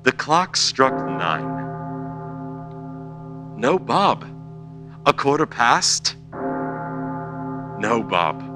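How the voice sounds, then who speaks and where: A man narrating a radio play as a scripted story, theatrical and measured. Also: medium pitch, very animated, music in the background.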